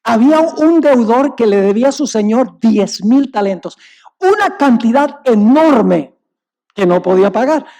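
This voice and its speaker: A man's voice: very high voice, moderate pace, hardly any pauses, mellow. A male pastor preaching a sermon, telling a parable with emphasis and speaking directly to the congregation. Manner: emphatic storytelling, addresses the audience directly.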